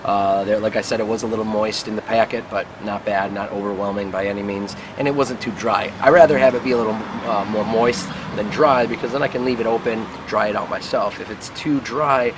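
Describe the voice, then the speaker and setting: Low-voiced man puffing a pipe, noisy outdoors. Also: fairly even intonation, fairly quick, hardly any pauses. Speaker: pipe tobacco reviewer. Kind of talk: casual product review to camera. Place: outdoors in the wind. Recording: noisy outdoor recording with wind and traffic.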